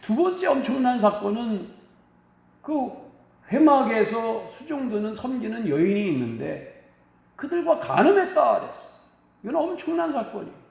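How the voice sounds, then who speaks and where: High-voiced pastor preaching in echo. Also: male voice, big pitch swings, gravelly, a little mellow. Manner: earnest storytelling, dramatic pauses. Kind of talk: sermon.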